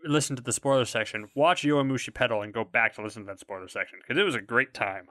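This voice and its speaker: A man's voice: mid-range voice, fast, pushed and bright, no echo, studio quality. A man co-hosting a podcast, chatting casually and enthusiastically about a show. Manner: enthusiastic, laughs easily. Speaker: podcast co-host.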